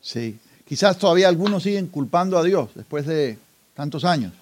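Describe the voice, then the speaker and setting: A man's voice: on the high side, animated, normal speed. A man hosting an interview, reading quoted lines aloud and asking short questions. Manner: reads quotes aloud, asks short prompts. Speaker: interviewer host. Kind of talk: interview conversation.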